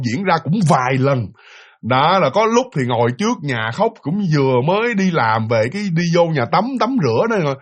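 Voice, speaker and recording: Man, chatty ghost story, high-pitched, slightly husky. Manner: chatty, addresses listeners directly. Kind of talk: casual spoken ghost story.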